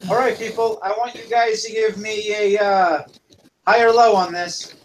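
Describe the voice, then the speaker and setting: High-voiced man running a tabletop game. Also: steady tone, normal speed, poor audio. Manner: casual, rambling narration. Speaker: dungeon master.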